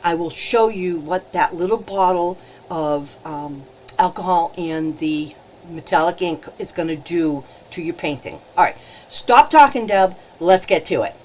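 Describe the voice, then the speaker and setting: A woman hosting a live painting demonstration, chatting in a bubbly way, laughing often and greeting viewers warmly. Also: on the low side, unhurried, a little hiss or hum. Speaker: alcohol ink painting host. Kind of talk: casual live-stream painting demo.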